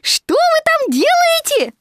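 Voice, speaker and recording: A woman's voice: extremely high pitch, sing-song, slow, a bit bright, dry recording, clean studio sound, voice pushed up, heavily acted. A woman voicing a small, timid male piglet who calls out shrilly and anxiously.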